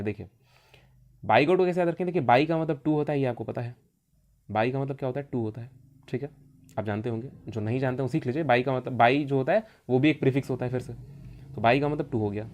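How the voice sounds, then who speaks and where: A man's voice: medium pitch, a little mellow. Guy teaching exam vocab, asks a question then answers it himself, repeats stuff a lot, normal mid voice. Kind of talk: exam-prep vocabulary lesson.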